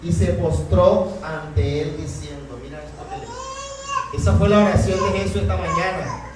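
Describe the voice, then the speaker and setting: Impassioned high-voiced pastor in echoey hall. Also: male voice, very animated, unhurried, noisy background. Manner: impassioned, keeps asking the congregation if they are listening. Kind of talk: sermon. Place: church hall. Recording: very echoey hall, mic far off.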